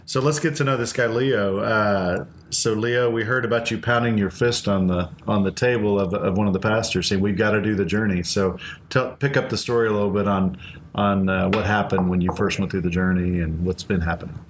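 A man's voice: lowish voice, steady tone, a little fast, slight background noise. A man interviewing church members, giving encouraging remarks and prompting their stories.

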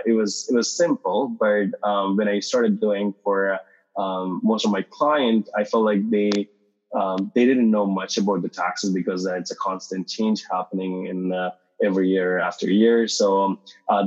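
A man's voice: fairly low pitch, muffled recording. A man from Sri Lanka, for whom English is a second language, speaking as a podcast guest in a hesitant way, full of fillers. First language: not English. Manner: hesitant, many fillers and restarts. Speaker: guest, startup founder. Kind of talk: podcast interview.

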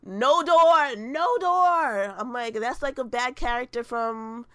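A woman's voice: a little high, slow pace, no echo, clean studio sound. A woman co-hosting a podcast, chatting casually and acting out quotes as she tells a story. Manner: animated storyteller, acts out quotes. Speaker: podcast co-host. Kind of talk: casual chat.

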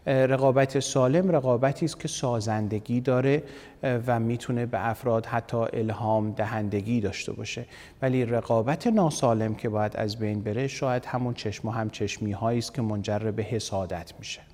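Male discussion guest, mid pitch, hesitant and halting, reverberant recording. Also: darkish tone. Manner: hesitant, many filler sounds. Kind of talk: reflective discussion. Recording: long reverb.

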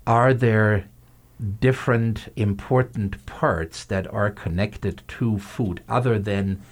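A man hosts a podcast interview in a slow, lowish voice. He speaks thoughtfully and often pauses to search for his words.

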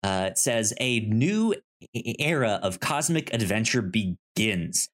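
Sing-song and a bit bright, his fairly low voice keeps a measured pace as he co-hosts a laid-back podcast. He pitches comics, reads blurbs aloud, and often stammers on words' first syllables.

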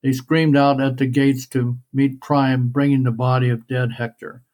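A man talking through an ancient poem, stopping often with fillers before he slows into reading the verse aloud. His voice sits at an ordinary middle pitch. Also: flat delivery, a little mellow. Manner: halting, many fillers, reads quoted verse slowly. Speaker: guest discussing an epic poem. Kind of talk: reading passages aloud within casual conversation.

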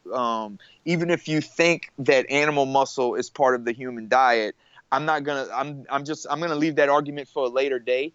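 A man's voice: on the high side, a bit bright, no room sound, highs cut off. A man talking casually on a podcast, rambling with many restarts and fillers. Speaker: podcast guest. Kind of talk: casual conversation.

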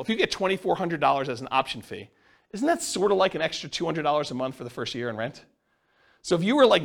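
A man's voice: a little high, gravelly, fairly bright tone. A man teaching a class, explaining step by step and asking the class questions. He says he is losing his voice. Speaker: real estate instructor.

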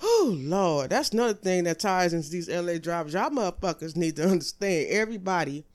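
A man hosting his own show, delivering a profane comedic rant with exasperated, high-pitched outbursts. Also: expressive, a little fast. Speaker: host.

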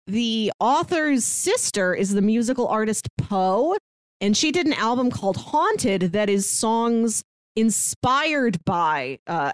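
An American woman from St. Louis co-hosts a podcast, chatting casually through a recap with informal enthusiasm and saying "like" often. Her voice sits in the mid range, and there is no echo.

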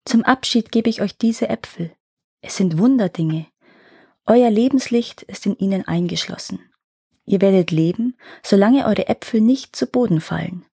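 Gentle mournful fairy mother, read by a woman. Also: mid-range voice, normal speed, creaky, slightly rough, no echo, clean studio sound. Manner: tender, mournful.

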